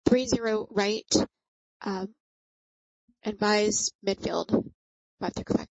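A woman's voice: medium pitch, slow, a little mellow, no echo. A woman speaking as a pilot over the radio to the tower, somewhat hesitant. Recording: dull, dry lo-fi radio transmission.

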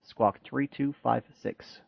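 Guy controller on aviation radio, clipped and brisk, dry dull sound. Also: medium pitch, creaky, no room sound. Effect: aviation radio transmission. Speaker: air traffic controller. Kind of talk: rapid radio clearances. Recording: muffled dry radio audio.

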